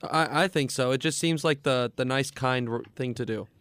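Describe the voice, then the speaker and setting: A man's voice: medium pitch, moderate pace, fairly bright tone, a little hiss or hum. A man co-hosting a radio show, bantering casually in an easygoing, agreeable way. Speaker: radio co-host.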